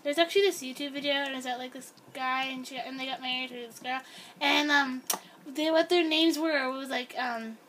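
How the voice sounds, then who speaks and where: A young woman playing a game for her gameplay video chats casually and rambles in a high, steady, fairly bright voice at normal speed. The sound comes from a camera aimed at a screen and carries a slight hiss or hum.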